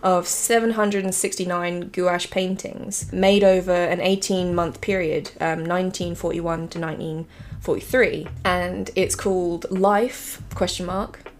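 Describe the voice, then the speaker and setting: A woman's voice: fairly low pitch, steady tone, measured pace, slight background noise. A woman co-hosting a podcast in casual chat, rambling with lots of fillers and frequent giggles. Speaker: podcast co-host.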